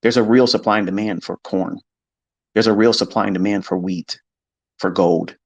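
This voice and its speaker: A man's voice: on the low side, steady tone, moderate pace, no echo, lo-fi sound. A man teaching trading on a live stream, talking in a blunt, emphatic way and swearing freely. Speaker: trading educator. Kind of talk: unscripted live-stream lecture.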